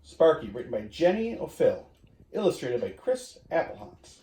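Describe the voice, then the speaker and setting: Reading to children as a community education director, this man brings a storybook to life with drawn-out emphasis, addressing his young audience directly. He has a mid-range voice, and there's a roomy echo in the recording.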